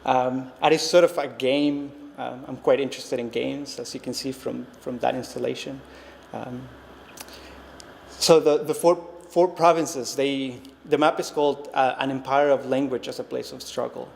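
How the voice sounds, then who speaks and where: In a reverberant gallery with faint noise and a long, hall-like echo, a native Spanish-speaking Costa Rican man in his thirties gives an artist talk. His voice is medium-pitched, steady, creaky and a little mellow, at a normal pace. As a visiting artist, he comes across reflective and hesitant, often saying um and starting over.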